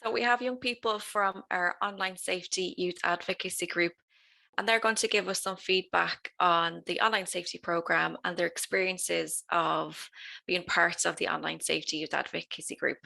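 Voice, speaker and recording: Bright, creaky-voiced Irish woman interviewer. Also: lowish voice, steady tone, moderate pace. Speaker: interviewer, youth officer. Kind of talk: structured interview questions.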